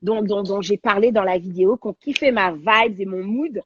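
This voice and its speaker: A woman, a guest on a talk show, telling a personal story in an animated, slangy, dramatic way over a video call. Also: mid-range voice, normal speed, dull audio, a little hiss or hum. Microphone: video call on a livestream.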